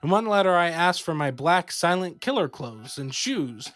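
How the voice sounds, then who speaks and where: A man co-hosting a podcast, reading a horror story aloud in a slow, steady storytelling way. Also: fairly high pitch, no room sound. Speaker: podcast co-host.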